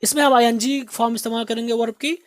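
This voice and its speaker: Male English tutor, Indian Urdu accent, steady repetition drills, dry close recording. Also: very high voice, dry recording. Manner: drills words with slow repeated pronunciation. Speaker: English teacher. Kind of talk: recorded lesson.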